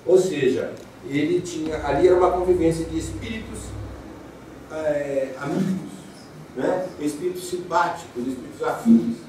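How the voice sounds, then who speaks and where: A man's voice: a little high, normal speed, dark tone, slight background noise. Brazilian man lecturing in an echoey hall. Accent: Brazilian Portuguese. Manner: conversational, frequent rhetorical "né?". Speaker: spiritist lecturer. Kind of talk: spiritist lecture. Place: spiritist center lecture hall. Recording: echoey hall mic heard from a distance.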